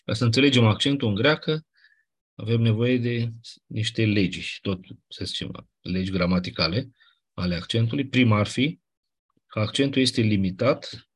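A man's voice: mid-range voice, pauses often, husky. A man teaching a class, explaining grammar rules patiently and repeating the key points. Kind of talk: classroom lecture on Ancient Greek accents.

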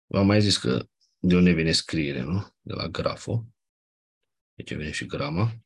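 A man's voice: rumbling low, expressive, husky. A man teaching Ancient Greek grammar in a lecture, explaining step by step and often checking with his students whether they follow. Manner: explanatory, asks 'nu?' and 'da?' to check understanding.

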